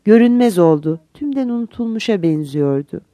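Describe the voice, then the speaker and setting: A woman narrating a fairy tale aloud in an expressive, animated storybook reading. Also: mid-range voice, normal speed, no echo.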